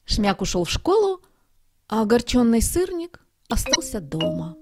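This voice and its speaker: A woman reading a children's story aloud in a slow, expressive way. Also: a little high, creaky, husky, faint music behind.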